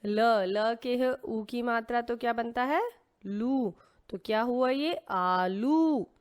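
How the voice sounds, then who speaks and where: A woman gives a reading lesson for young children, asking simple questions and answering them herself as she sounds out each syllable. She speaks slowly and patiently, dropping in English words here and there. Her voice is clear, smooth and somewhat high. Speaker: teacher.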